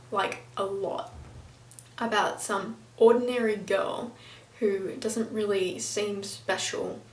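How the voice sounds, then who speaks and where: An excitable young woman rambles through a casual fan review, full of fillers and side comments. Her voice sits a bit back from the mic, and the room around her rings with a noticeable echo. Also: on the high side, distant mic, slight background noise. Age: young, still in school. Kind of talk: casual chatty review vlog. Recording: roomy echo, voice a little off-mic.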